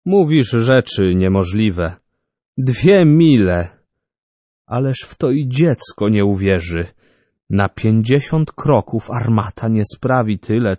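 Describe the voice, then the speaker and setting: A man voicing a calm male friend who speaks gently and a little patronizingly, in an audiobook. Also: fairly low pitch, no echo.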